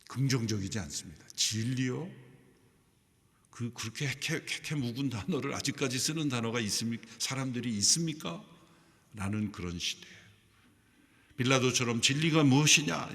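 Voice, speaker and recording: A man's voice: lowish voice, fairly bright tone. A middle-aged man preaching a sermon as senior pastor, emphatic, with his voice rising sharply on key phrases. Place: large church sanctuary. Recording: long hall reverb.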